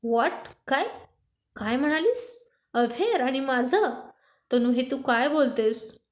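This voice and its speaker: A woman's voice: high voice, normal speed, roomy sound, natural voice. Woman reading as an affectionate young husband. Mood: incredulous.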